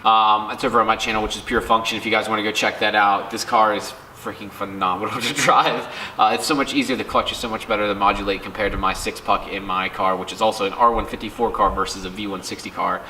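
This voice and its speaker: A man's voice: lowish voice, steady tone, quick pace, hardly any pauses, pushed and bright, echoey room, a little hiss or hum, rough recording. A man with a stuffy, allergy-blocked voice, talking casually about cars as a guest on a vlog, rambling and correcting himself. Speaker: guest car enthusiast.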